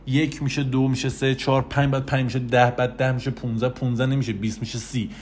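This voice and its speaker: Guy doing a pep talk, talks right at you, lots of repeats, bit of hiss behind. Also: mid-range voice. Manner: animated, repetitive, addresses listener directly. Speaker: self-help speaker. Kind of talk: motivational talk.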